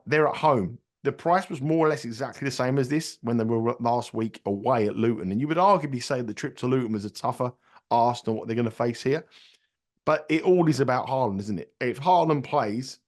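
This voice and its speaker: Congested with a head cold, a man with a mid-range voice rambles through football betting tips in a casual podcast chat at a moderate pace. He repeats words and restarts sentences as he works through his analysis.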